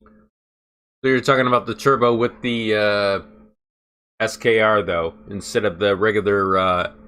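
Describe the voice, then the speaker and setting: Man, bright tone, casual livestream host, halting speech full of fillers. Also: on the low side, steady tone, clean tone. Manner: halting, many fillers, eating while talking.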